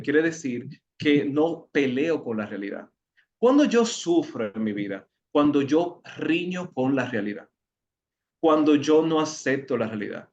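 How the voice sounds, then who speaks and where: A man's voice: mid-range voice, a little hiss or hum. A man with a Dominican accent leading an online educational session, explaining patiently and asking the group questions. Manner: explanatory, asks the audience questions, repeats words when searching. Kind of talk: interactive talk to an online group. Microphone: video call. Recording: muffled video call audio.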